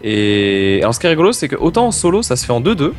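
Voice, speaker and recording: Man, rapid talker, eager tips, faint music in the background. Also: mid-range voice, big pitch swings. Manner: eager explainer, quick tips, chuckles often. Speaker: guest gaming expert. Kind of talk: casual gameplay commentary.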